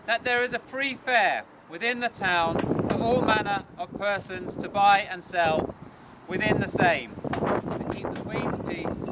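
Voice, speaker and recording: A man reading a formal proclamation in a stately town crier manner, on a very noisy, windy outdoor recording. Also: high-pitched. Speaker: official reading the Mayor's proclamation.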